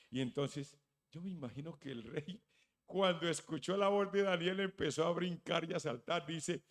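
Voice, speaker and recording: Slow, dramatic Spanish-speaking preacher man. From Spain. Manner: dramatic storytelling, acting out quoted lines with rising pitch and volume; slow, deliberate delivery with stumbles and restarts. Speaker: pastor. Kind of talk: sermon.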